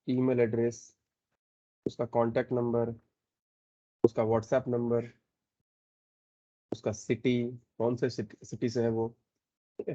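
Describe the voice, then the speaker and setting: A man teaching a programming lesson, explaining step by step and often checking in with a quick "okay". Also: mid-range voice, mellow, dull audio. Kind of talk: screen-recorded coding lesson.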